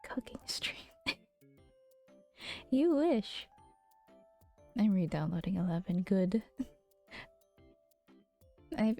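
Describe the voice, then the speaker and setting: A female streamer talks casually near a regular mic, her mid-range voice soft, gentle and often half-whispered. She teases playfully and giggles along the way.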